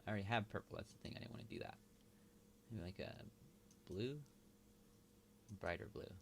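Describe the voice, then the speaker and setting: A man thinking aloud while he works, mumbling and halting as he talks to himself. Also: lowish voice, gravelly, slight background noise. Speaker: video host.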